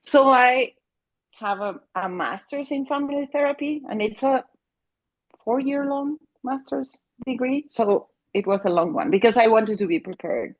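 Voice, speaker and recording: In an interview, a middle-aged Mexican woman, a native Spanish speaker with a Mexican accent, discusses her work as a family therapist. Her slightly high voice has lively intonation and moderate pace, earnest but full of restarts and fillers, on a low-quality recording.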